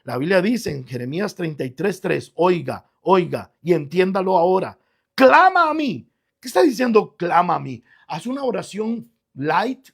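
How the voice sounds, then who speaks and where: A man's voice: sits high, expressive, moderate pace, vocal fry, husky. A man preaching a radio sermon as pastor, reading scripture and rising in emphatic bursts.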